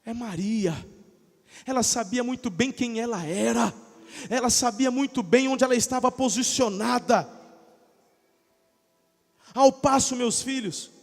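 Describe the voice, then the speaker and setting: A male pastor preaching a sermon in a church, moving from soft asides to loud shouted peaks. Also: very high-pitched, measured pace, vocal fry, pauses often. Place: church sanctuary. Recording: long church-hall reverb.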